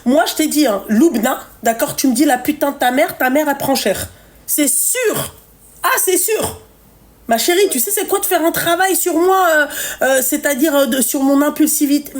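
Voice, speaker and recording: A woman's voice: sits high, normal speed. A woman hosts a live stream, giving blunt relationship advice in casual chat, swearing freely and full of fillers. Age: 30s.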